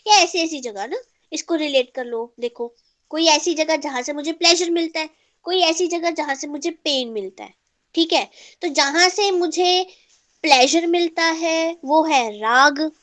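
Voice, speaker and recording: A woman's voice: sits high, a bit bright. A woman teacher giving an online class through an earphone mic, mixing Hindi with English terms and checking in with her students.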